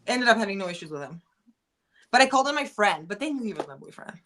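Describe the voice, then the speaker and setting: An American woman appears as a guest in a casual podcast chat, speaking candidly and rambling with lots of "like" and restarts. Her voice is medium-pitched and very animated at a quick pace, with crowd noise around her.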